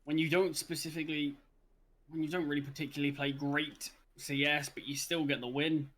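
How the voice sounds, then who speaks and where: Male co-caster, easygoing analysis, slightly high voice, faint noise behind. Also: a little fast. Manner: relaxed, casual, self-correcting. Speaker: esports co-caster. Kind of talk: color commentary.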